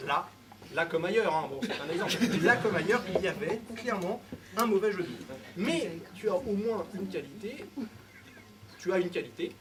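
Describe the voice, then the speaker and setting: Sarcastic young juror, high voice, far mic over a loud crowd. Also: male voice, expressive, normal speed. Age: young adult. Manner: sarcastic, dry mocking. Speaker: jury member. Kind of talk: comic critique of a speech.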